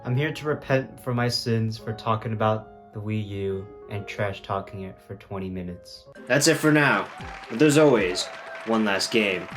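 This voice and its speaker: Over background music, a gaming channel host talks at a normal speed in a lowish voice. He keeps it casual and jokey, poking fun at himself in the manner of a relaxed video essay.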